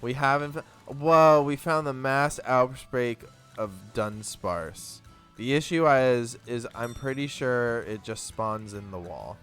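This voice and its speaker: A man's voice: mid-range voice, slow, fairly bright tone, smooth, soft background music. A young man streaming a game, chatting casually and rambling through a story while swearing freely. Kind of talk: casual chat while gaming.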